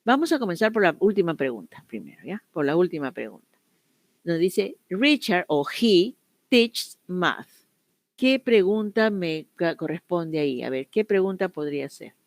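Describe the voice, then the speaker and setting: A woman's voice: on the low side, big pitch swings, moderate pace, no echo. Woman teaching an online English class. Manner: explains step by step, switching between Spanish and English examples.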